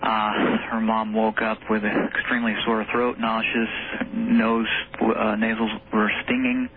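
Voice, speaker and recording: A man's voice: on the low side, monotone, a little slow. A man phoning in to a radio show, recounting a personal story on air. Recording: tinny, noisy telephone line.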